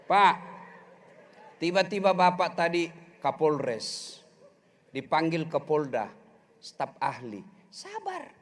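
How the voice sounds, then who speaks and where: A man's voice: on the high side, takes it slowly, long pauses. A middle-aged man preaching a humorous sermon, joking and speaking straight to the congregation. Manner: animated, joking, addresses the congregation directly.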